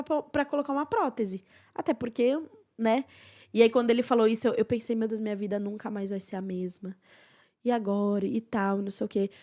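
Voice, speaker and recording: Earnest young woman telling her story. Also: fairly high pitch. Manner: earnest, emotional storytelling with soft, hushed passages. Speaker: podcast guest. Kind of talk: personal testimony in a podcast interview.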